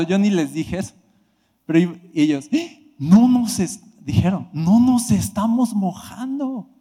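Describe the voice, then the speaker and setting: High-voiced preacher in a reverberant hall. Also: male voice. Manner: emotional, animated storytelling with shouted outbursts. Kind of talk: sermon testimony.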